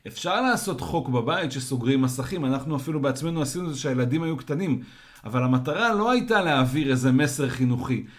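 A man co-hosting a casual podcast discussion, calmly restating points and giving examples. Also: mid-range voice. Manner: calm, restates and expands with examples. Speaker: co-host.

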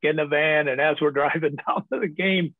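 A man's voice: on the high side, steady tone, brisk, no echo. A man, a podcast guest, telling candid stories from his past in casual talk, laughing often and filling with ums. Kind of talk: casual storytelling. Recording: tinny phone-like line, dry.

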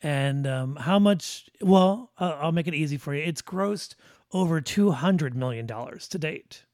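A man's voice: fairly high pitch, animated, a little slow, darkish tone, dry recording, studio quality. A man hosting a casual movie chat, talking in a rambling way with lots of fillers and restarts. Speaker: podcast host.

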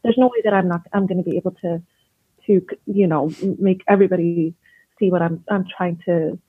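Talking a little fast in a fairly low, fairly even voice, a Canadian woman, an educator and interview guest, describes her work thoughtfully and earnestly, often restarting herself. The husky sound arrives over a thin, dry phone-like line without room echo.

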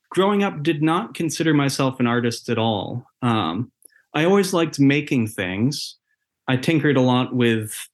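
A man from Massachusetts in his thirties, a tattoo artist answering interview questions thoughtfully with fillers. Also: medium pitch. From USA, Massachusetts.

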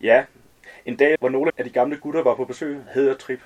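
A man's voice: mid-range voice, fairly even intonation, darkish tone, close to an everyday voice. A man reading aloud as a talkative, overly familiar man in his early forties who rambles in slangy chatter.

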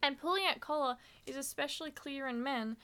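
A woman's voice: high voice, brisk, bright, forceful tone. A woman co-hosting a casual podcast, reading out body-language facts with frequent laughs and fillers. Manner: giggly, reads facts with many fillers. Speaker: podcast co-host.

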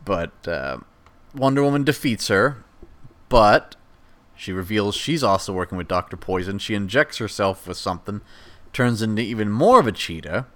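A podcast host with a lowish, somewhat bright voice speaks animatedly at normal speed, recapping a movie plot in a rambling, chatty manner and performing the characters' lines as he goes.

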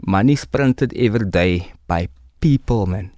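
A man's voice: on the low side, expressive, unhurried, a little mellow, dry recording, clean studio sound. A man with a Cape Town Coloured South African accent, talking with conviction in conversation and explaining through examples and analogies. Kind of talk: impassioned conversation.

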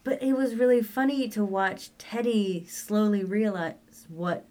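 A woman's voice: mid-range voice, measured pace, darkish tone. A woman co-hosting a casual podcast, chatting about a movie and acting out lines from it. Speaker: podcast co-host. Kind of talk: casual chat.

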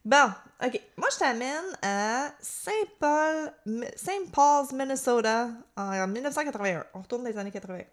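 Chatty Québécoise podcast host. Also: female voice, fairly high pitch, normal speed, few pauses. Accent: Quebec French. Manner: animated, chatty, with many fillers. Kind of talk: casual storytelling chat.

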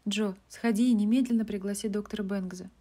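A woman's voice: medium pitch, steady tone, a little fast, dark tone, pitched above the performer's own voice, natural voice. A woman voicing an earnest, caring older sister in a storybook reading.

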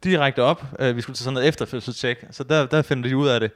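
A man's voice: medium pitch, fairly even intonation. A young man and new father, co-hosting a podcast in loose, joking banter with casual swearing.

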